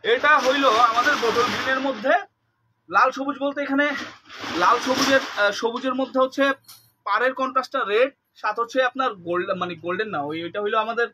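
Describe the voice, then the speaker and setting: A man from Bangladesh, chatting through a live sales pitch for sarees, repeating details and slipping English words into his talk. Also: fairly quick, background noise. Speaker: saree seller on a live stream.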